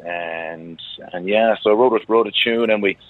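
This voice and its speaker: A man's voice: on the low side, moderate pace, no room sound. A man from Galway with a western Irish accent, chatting casually as an interview guest in a rambling, repetitive way. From Galway, Ireland. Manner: rambling, repeats phrases. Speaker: wedding singer and musician guest. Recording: narrow phone-like radio line, dry.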